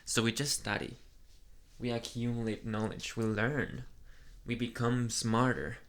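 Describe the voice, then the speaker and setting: A man voices a shy, flustered young vampire boyfriend for ASMR roleplay, murmuring intimately in a hesitant, earnest, proud way. His mid-range voice is flat and measured, with a little hiss or hum in the recording.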